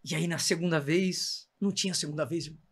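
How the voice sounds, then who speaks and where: A man's voice: on the high side, fast talker, husky. A man with a Brazilian Portuguese accent, a missionary preacher telling his faith testimony with fervor and calling the listener brother.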